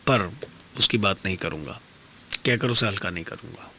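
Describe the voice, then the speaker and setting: A man's voice: sits low, pushed and bright, slight background noise, pitched below the performer's own voice. A man as a serene, philosophical wandering stranger. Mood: consoling. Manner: measured, philosophical, consoling. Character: calm, detached wandering male stranger, philosophical. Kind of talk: dastangoi storytelling performance. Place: radio studio.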